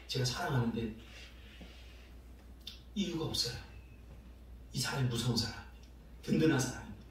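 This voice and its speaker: A middle-aged man preaching a sermon as pastor, telling stories in an animated way, acting out the voices of people he quotes, and laughing often. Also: medium pitch. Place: church sanctuary. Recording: very echoey church hall from far off, faint noise.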